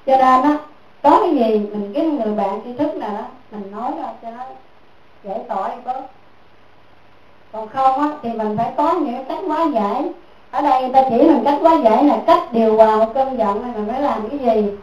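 A woman's voice: on the high side, brisk, darkish tone. A woman giving a Buddhist dharma talk as a teacher, repeating her points and asking listeners "right?" again and again. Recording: echoey room, mic far off.

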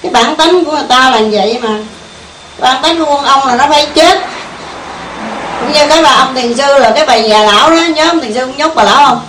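A woman's voice: sits high, brisk, a bit bright. A woman with a Southern Vietnamese accent giving an informal Buddhist meditation talk to a group, conversational and often asking her listeners questions. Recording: echoey room, mic far off, faint hiss.

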